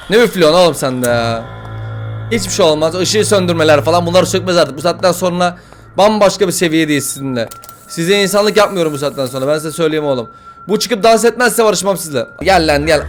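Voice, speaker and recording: A young man playing a horror game, swearing, joking and yelling at the game as he comments. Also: high-pitched, slight background noise. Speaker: gaming YouTuber.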